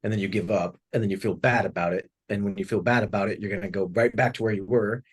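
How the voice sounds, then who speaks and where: A man's voice: lowish voice, fast talker, breathy edge. A man co-hosting a podcast, chatting casually, laughing often and retelling what others said. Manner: animated storyteller, laughs often, retells quotes. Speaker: podcast co-host. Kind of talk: casual conversation.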